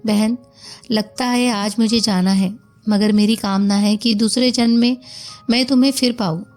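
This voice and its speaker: A woman voicing a gentle, forgiving young wife on her deathbed, speaking softly and wearily in a storybook reading. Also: medium pitch, steady tone, a little slow, faint music behind, natural voice. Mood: weary, resigned. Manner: soft, weary, resigned.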